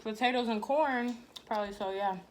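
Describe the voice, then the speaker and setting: Female mukbang host, slightly high voice, slow casual chat while chewing, faintly noisy recording. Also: darkish tone. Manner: chewing while talking, with savoring hums.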